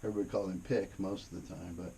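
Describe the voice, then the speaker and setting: Gravelly low-voiced man swapping stories. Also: little pitch movement, rapid-fire, mellow. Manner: profane, rambling, laid-back. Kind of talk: casual anecdotal storytelling. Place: inside a cave during a tour. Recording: noisy cave ambience. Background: cave ambience, noise.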